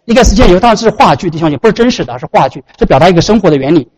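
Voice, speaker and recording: Male pastor, husky voice, quick lively sermon delivery. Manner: animated storytelling, frequent pitch swings.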